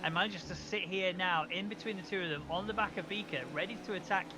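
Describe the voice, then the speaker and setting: Higher-voiced man, excitable motorsport commentator. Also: fast, over music. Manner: excitable motorsport commentator calls, rising on overtakes. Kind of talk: live sim racing commentary.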